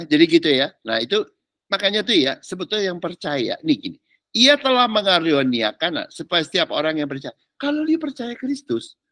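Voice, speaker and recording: A man preaching, teasing and animated in slangy street talk, mimicking people as he goes. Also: sits high, no echo. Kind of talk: sermon.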